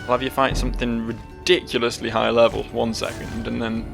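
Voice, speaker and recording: Male let's play host: sardonic, sweary, offhand, gravelly fry in the voice, game music underneath. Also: medium pitch, flat delivery, fairly quick. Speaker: gaming video host. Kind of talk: casual let's play commentary.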